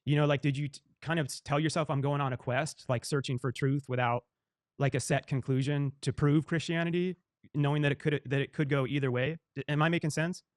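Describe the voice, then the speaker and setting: A man's voice: fairly high pitch, fairly even intonation, a little fast, no room sound, clean studio sound. A podcast host, a man, asking long, rambling, searching questions in a debate.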